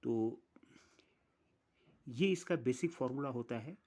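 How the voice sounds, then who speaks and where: Here a man with a mid-range, dark-toned voice explains music theory in careful steps. His pace is slow and deliberate as he counts through the notes aloud, one by one.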